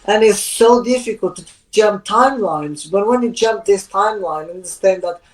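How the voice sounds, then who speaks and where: A woman's voice: medium pitch, normal speed, rough recording. A woman co-hosting a live spiritual question-and-answer show, talking in an earnest, rambling way with loose, non-native grammar. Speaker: co-host.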